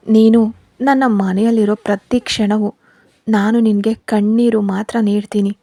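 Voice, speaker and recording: A woman's voice: mid-range voice, steady tone, moderate pace, mellow, no echo, lightly acted. A woman reading the lines of an angry, cruel young husband in a storybook tale, harsh and scolding.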